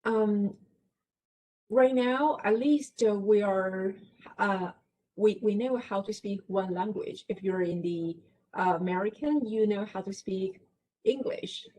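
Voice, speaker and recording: A guest lecturer from China, speaking with a Chinese accent, gives a talk at a library book event, walking through concepts step by step, checking in with listeners, and laughing lightly. Her mid-range voice is warm and unhurried, though the audio is poor.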